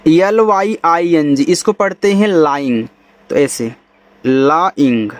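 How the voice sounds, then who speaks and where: A man teaching English reading, spelling words letter by letter, then saying them slowly. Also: fairly high pitch, animated. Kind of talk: spelling-out phonics lesson.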